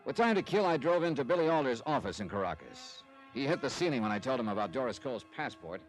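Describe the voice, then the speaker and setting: An actor voices a wry, sardonic investigator narrating his case in the clipped manner of an old-time radio detective. His mid-range delivery is quick and sing-song. The audio is poor, a vintage radio recording with music underneath.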